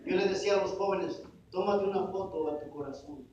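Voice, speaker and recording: A man's voice: high-pitched, fairly quick, background noise. A man preaching a sermon as pastor, asking the congregation questions and calling them brothers. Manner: call-and-response questions to the congregation; addresses listeners as brothers. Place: church sanctuary. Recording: echoey distant dull church recording.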